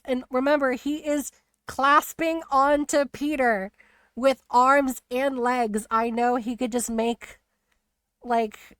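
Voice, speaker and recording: A woman streamer chatting casually about a video game, rambling and animated with lots of fillers. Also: fairly high pitch, clean tone, dry recording. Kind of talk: casual spoiler chat on a live stream.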